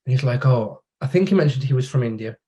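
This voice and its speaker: Male podcast guest, warm low-key tone, anecdotal and conversational. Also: fast talker. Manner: relaxed storytelling, acts out quoted dialogue. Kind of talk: casual conversation.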